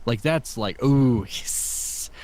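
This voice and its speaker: A man hosting a casual podcast, talking in an animated, profane way. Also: medium pitch. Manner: animated, profane, quick to laugh. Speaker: podcast host.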